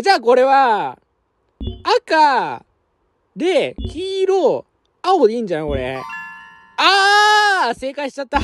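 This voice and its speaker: A young man doing casual let's-play commentary at home, talking roughly to himself and his viewers with quick chuckles. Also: high voice. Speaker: game streamer. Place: apartment room at night, keeping his voice down.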